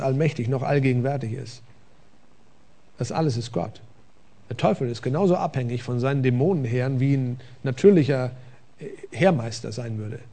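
A man preaching a conversational sermon from a church stage, with rhetorical questions and a lively, engaging delivery. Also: medium pitch. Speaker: pastor.

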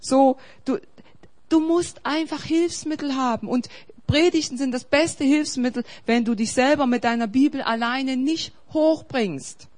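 A woman's voice: high-pitched, unhurried. Emphatic preaching woman. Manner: emphatic, swings between loud urging and quiet storytelling. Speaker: pastor. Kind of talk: sermon.

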